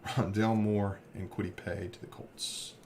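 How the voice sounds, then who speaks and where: Man, low pitch, gravelly, casual card-break commentary, faint background hiss. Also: little pitch movement, normal speed. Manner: rambling, reads off player names.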